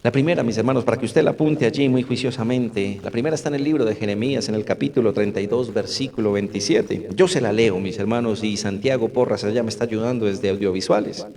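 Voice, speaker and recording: A man's voice: on the low side, fast talker, hardly any pauses, crowd noise. A middle-aged man, a pastor preaching a sermon to a congregation, often asking rhetorical questions and calling out to his brothers. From Colombia. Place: church hall with about fifty or sixty people. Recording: echoey church hall.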